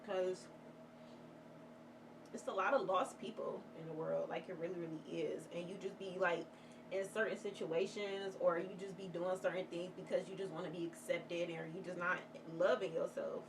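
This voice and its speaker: A woman's voice: fairly low pitch, steady tone, moderate pace. A woman vlogger chatting candidly while doing her makeup, rambling and heartfelt, swearing freely as she gives motivational talk. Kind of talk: casual get-ready-with-me chat. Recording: distant mic with clear background noise.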